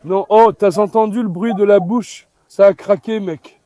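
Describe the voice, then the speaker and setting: A man's voice: sits high, steady tone, a little slow, dark tone, no echo. A man vlogging on his farm, chatting to viewers and calling and coaxing his dogs. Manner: coaxing, calls to the dogs while talking to viewers. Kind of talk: casual vlog commentary.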